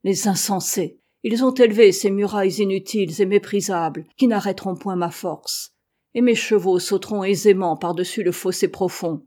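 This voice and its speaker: A woman's voice: medium pitch, dark tone, lightly acted. A woman reading the lines of a fierce, boastful male warrior chief in a taunting, commanding way.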